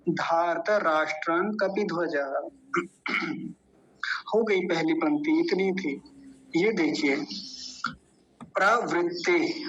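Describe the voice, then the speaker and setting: A man's voice: high-pitched, a bit bright. A male teacher in an online class who recites verses syllable by syllable, repeating each sound and explaining its pronunciation. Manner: slow syllable-by-syllable recitation with repetition. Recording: dull lo-fi audio with faint noise.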